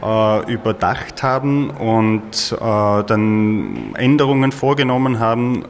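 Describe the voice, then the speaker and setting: Low-voiced man, thoughtful interview answers. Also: lively intonation, slow pace, slight background noise. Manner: thoughtful, hesitant with fillers. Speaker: festival founder and organizer.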